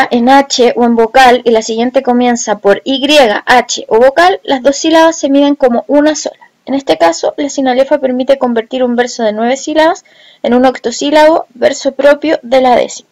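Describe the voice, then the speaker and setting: A woman teaching a recorded lesson, speaking slowly and deliberately and drawing out example words. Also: high voice, a little mellow. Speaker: language teacher.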